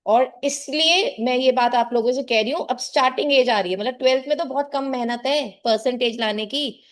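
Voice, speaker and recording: A middle-aged woman teacher speaks to her students in an earnest, lecturing way. She gives them firm advice about life and calls them "child." Her voice sits a little high for a woman. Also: brisk. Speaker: tuition teacher. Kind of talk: motivational talk to a class.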